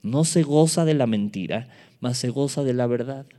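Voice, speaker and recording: A man's voice: medium pitch, moderate pace, dark tone. A man leading a Bible study sermon as a youth preacher, talking conversationally with joking asides to the audience. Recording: echoey hall reverb.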